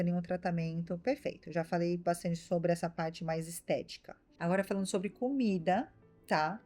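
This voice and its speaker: A young Brazilian woman with a Brazilian Portuguese accent talks straight to her viewers in a casual vlog. Her voice sits a little low for a woman, and she keeps things chatty, checking in with her audience as she goes. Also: warm tone. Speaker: vlogger.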